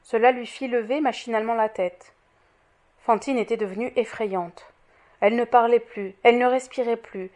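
A woman narrating a classic novel in a measured, expressive audiobook reading. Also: a little high. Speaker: audiobook reader. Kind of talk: scripted narration.

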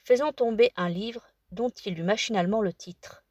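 A woman narrating an audiobook in a measured, calm storytelling manner. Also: medium pitch, no room sound, lo-fi sound.

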